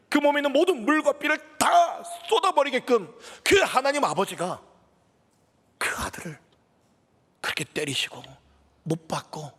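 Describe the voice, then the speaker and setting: A man preaching a sermon as pastor, impassioned, swinging from loud peaks to hushed near-whispers. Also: sits high, breathy edge. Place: church sanctuary. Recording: long church-hall reverb.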